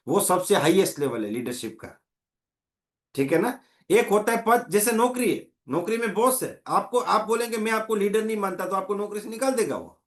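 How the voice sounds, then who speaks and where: A man giving a motivational training talk, an animated storyteller who swings his pitch up and down. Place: training hall.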